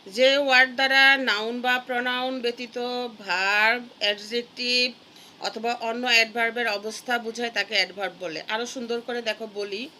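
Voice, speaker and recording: A Bangladeshi woman teaching an English grammar lesson to young students, patient and deliberate, breaking words into syllables. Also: on the high side, fairly even intonation, sharp tone, a little hiss or hum. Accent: Bangladeshi Bengali.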